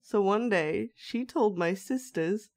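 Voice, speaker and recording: A mid-range female voice, unhurried and slow, performs a roleplay monologue as a soft-spoken, sinister dollmaker gifted with magic. She coaxes the listener with condescending tenderness, creating a wistful, eerie mood.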